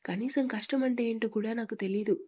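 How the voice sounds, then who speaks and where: A woman voicing a pampered, frightened young wife in a storybook reading, pleading through sobbing complaints, with a husky tone. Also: fairly high pitch, fast talker, warm tone. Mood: tearful pleading.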